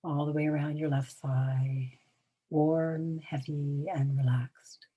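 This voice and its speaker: A woman's breathy, low voice carries a slow relaxation meditation. She offers brief, calming phrases with long silences between them, letting each ending drift toward a whisper while her tone stays level.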